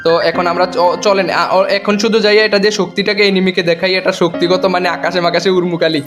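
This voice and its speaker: A young man with a Comilla Bengali accent, giving excitable, joking live commentary over his gameplay and taunting the opponents he runs into. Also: sits high, quick pace, soft background music. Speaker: gaming YouTuber.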